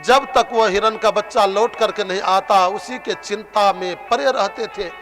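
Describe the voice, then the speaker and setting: A man's voice: sits high, unhurried, a bit bright, soft background music. A man preaching a devotional sermon from eastern India, telling a story and acting out its voices, with a few sung phrases. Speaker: katha preacher. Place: outdoor religious gathering with sound system.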